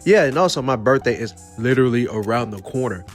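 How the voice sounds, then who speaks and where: A man telling a story in a casual vlog, rambling and chatty, with animated asides. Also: mid-range voice, quick pace, soft background music. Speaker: YouTuber.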